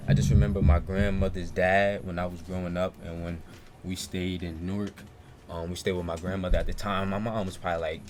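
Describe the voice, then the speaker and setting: A young man, co-hosting a casual podcast and telling stories in a relaxed, slang-heavy way. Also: low-pitched, brisk. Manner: laid-back slang-heavy storytelling. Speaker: podcast co-host. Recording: noisy room ambience.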